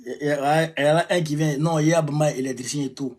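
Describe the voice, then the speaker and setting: A man with an Ivorian French accent delivering an impassioned monologue, repeating himself emphatically and swinging between raised outbursts and low muttering. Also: fairly even intonation, fast talker. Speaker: political commentator.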